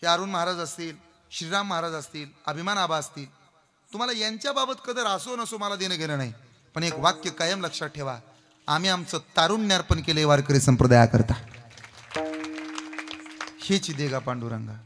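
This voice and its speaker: A man's voice: a little high, lively intonation, brisk, fairly bright tone. A man preaching a comic devotional kirtan, playfully teasing the crowd and leading call-and-response. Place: stage before a live audience. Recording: long hall reverb, faint music.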